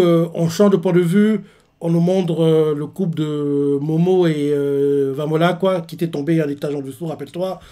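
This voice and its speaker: A man hosts a reaction recap of a manga chapter in a casual, rambling way, constantly restarting and tossing in filler tags. His voice leans high and has a slightly mellow quality.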